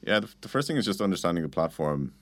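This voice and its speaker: Here a product manager appears as an interview guest, chatting informally and leaning on "like" and "you know." He has a deep voice, talks fast, and sounds very animated. There's no room echo in the dry recording.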